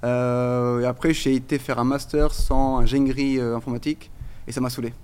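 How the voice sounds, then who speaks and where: A man's voice: mid-range voice, little pitch movement, a little mellow, smooth. A man in his thirties from Portugal, a native Portuguese speaker, telling his life story in casual chat with many fillers. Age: 30s. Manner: rapid, filler-heavy storytelling.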